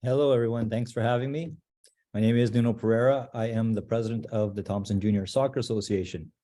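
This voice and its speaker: A man from Portugal, head of a junior soccer association, speaking haltingly over a video call and often restarting his sentences. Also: mid-range voice, fairly even intonation, dark tone. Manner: halting, searching for words, frequent restarts.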